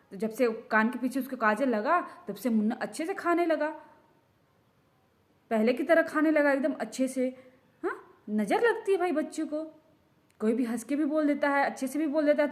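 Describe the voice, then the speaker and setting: A woman voicing a chatty older grandmother who lectures a young mother with old home remedies. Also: high-pitched. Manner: chatty, lecturing, full of advice.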